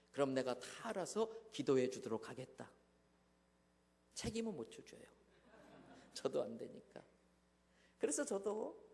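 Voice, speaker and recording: A man with a high, gravelly voice preaches a revival sermon, his pitch leaping up and down as he tells a story. His delivery swings between hushed asides and loud, dramatic bursts. The sound carries a long church-hall reverb. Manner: dramatic, swings from hushed to shouting in acted quotes. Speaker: guest pastor at a revival meeting. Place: church sanctuary.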